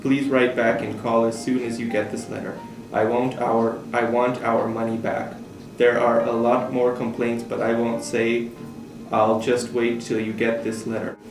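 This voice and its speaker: Reading a child's camp letter aloud, a male staff member speaks in a medium-pitched monotone, a little slowly, and trips a bit over the words. Guitar music plays in the background, and the distant mic picks up an echoey room.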